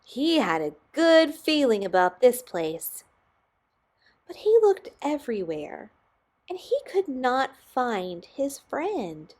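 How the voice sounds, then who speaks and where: A woman reading a children's picture book aloud expressively, with dramatic pauses and emphasis on key words. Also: sits high, very animated, a little mellow. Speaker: storybook reader.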